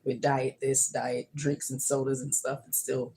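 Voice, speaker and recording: Woman livestream host, low register, chatty and emphatic, repeats herself for effect. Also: flat delivery, a little slow, warm tone, a little hiss or hum, rough recording. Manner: emphatic, repeats her points. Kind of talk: casual livestream monologue. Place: home kitchen.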